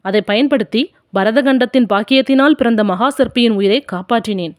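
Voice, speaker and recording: A woman voicing a gentle male monk disguised as a king, speaking in a calm, measured way in an audiobook. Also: on the high side, dry recording, clean studio sound, natural voice.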